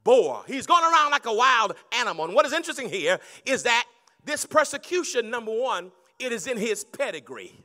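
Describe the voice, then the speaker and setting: Speaking quite fast in a very high voice, this middle-aged pastor delivers a very animated sermon on a handheld microphone in a large banquet hall. He shifts between quiet storytelling and booming shouts.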